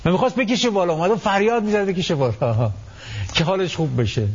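A man guest on a radio talk show, explaining his ideas in an animated way, often acting out what people say. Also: sits high, lo-fi sound, a little hiss or hum. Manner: animated storytelling, acts out quotes. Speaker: psychology expert guest.

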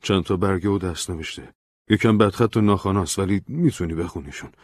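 A paranoid young man who talks urgently and secretively, as a storyteller plays him. He has a low, husky voice, recorded dry and close. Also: a little mellow, no room sound. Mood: urgent worried.

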